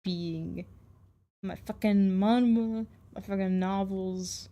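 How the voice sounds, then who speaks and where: A woman streamer chatting casually with her live chat, relaxed and rambling, swearing now and then. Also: medium pitch, slow pace. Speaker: streamer and Live2D artist.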